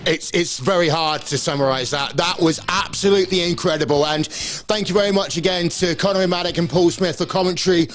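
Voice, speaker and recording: High-voiced British esports presenter. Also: male voice, brisk, a bit bright, faint music behind. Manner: upbeat, reads out results and links to interviews. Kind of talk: post-race studio presenting.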